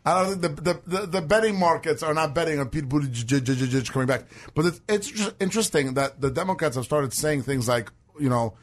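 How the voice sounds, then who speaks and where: A man's voice: a little high, brisk, hardly any pauses. A male talk show co-host bantering about politics in a mocking, wry manner. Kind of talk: political talk radio chat.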